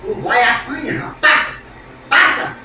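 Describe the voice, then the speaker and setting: A high-pitched woman plays out a noisy comedy sketch, calling out and bantering in a loud, teasing way. She sounds far from the mic in a very echoey space, with heavy background noise throughout. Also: a little slow. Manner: loud, bantering, often shouting and laughing. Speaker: comic sketch performer. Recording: echoey, distant, very noisy amateur recording.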